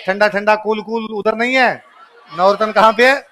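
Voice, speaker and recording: A male coaching teacher with a Rajasthani accent drills his class with rapid call-and-response lists, firing questions and repeating answers. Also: high voice, fairly even intonation, bright, forceful tone, a little hiss or hum. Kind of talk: exam coaching lecture.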